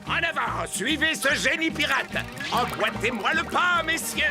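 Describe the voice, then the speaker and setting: Pompous, high, gravelly cartoon pirate captain. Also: male voice, lively intonation, unhurried, over music, full character voice. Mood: commanding. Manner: pompous, theatrical. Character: pompous, scheming pirate captain, grown man. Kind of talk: animated cartoon acting, French dub.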